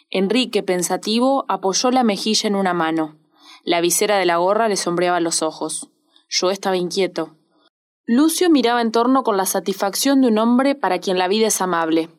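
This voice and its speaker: A woman with a Rioplatense accent narrating a literary audiobook in a measured, expressive reading. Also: mid-range voice. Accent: Rioplatense Spanish. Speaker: audiobook reader.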